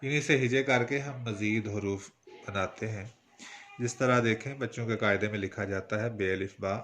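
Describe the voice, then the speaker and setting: A man from Pakistan with a Punjabi-tinged Urdu accent teaches a poetry class at a mid-pitched, even register. He speaks patiently and methodically, slowing down to sound out each syllable of a word. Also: slight background noise. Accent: Punjabi-influenced Urdu. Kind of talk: instructional lesson.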